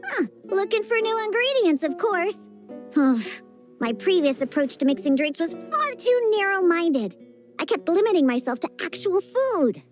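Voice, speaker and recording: A woman voicing a grumpy, suspicious little girl in a video game, pouty, complaining and very expressive. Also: extremely high pitch, normal speed, soft background music. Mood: eager, defensive. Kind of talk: video game character dialogue.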